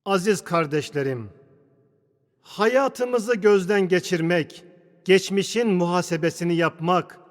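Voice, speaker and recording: A male preacher with a high voice delivers a solemn Friday sermon, slow, measured and declamatory, leaving deliberate pauses between phrases. A long, cathedral-like echo from a large hall surrounds his formal oratory.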